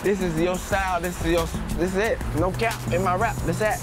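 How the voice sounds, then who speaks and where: A man's voice: high voice, fairly even intonation, brisk, music in the background. A young man playing a joking car salesman on an outdoor lot. He teases customers in slang and laughs a lot. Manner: laid-back, laughing, teasing slang. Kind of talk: playful comedic banter.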